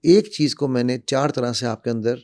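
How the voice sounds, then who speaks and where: Mellow-voiced man coaching on speaking. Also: medium pitch, moderate pace, dry recording, studio quality. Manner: demonstrative, uses repetition and acted examples. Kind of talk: animated explanatory talk.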